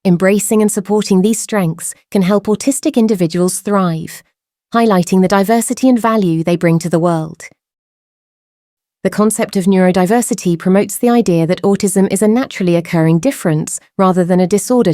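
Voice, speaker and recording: A woman's voice: mid-range voice, fairly quick, warm tone, no echo, studio quality. Woman's voice through a voice changer. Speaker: true crime channel host. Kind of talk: scripted commentary.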